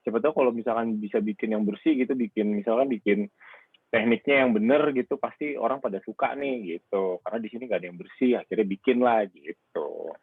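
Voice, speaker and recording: A man's voice: lowish voice, fast talker, breathy edge, no room sound. A man who owns a car wash, chatting casually in an interview over a call and rambling with plenty of fillers. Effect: heard over a phone line. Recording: narrow tinny phone-like sound, dry.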